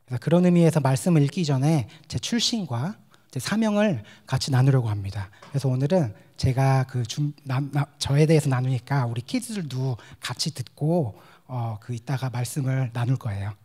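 Animated young Korean man preaching. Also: medium pitch. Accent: Gyeongsang Korean. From South Korea. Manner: animated, mixes English phrases, acts out dialect quips. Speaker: junior pastor. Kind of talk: lively sermon with humor.

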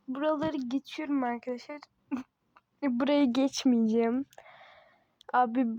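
A woman's voice: sits high, warm tone, no echo, highs cut off. A woman giving casual, teasing commentary over a game she is playing, chatting to herself and laughing often. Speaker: gaming channel host.

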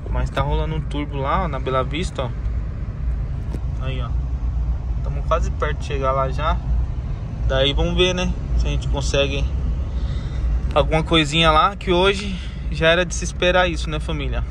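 A man, a rideshare driver talking casually to his viewers in a slangy vlog from his car in the city. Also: a little high. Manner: slangy, calls viewers family and guys. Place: inside and around a car in the city. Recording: noisy car and street recording. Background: street and traffic noise.

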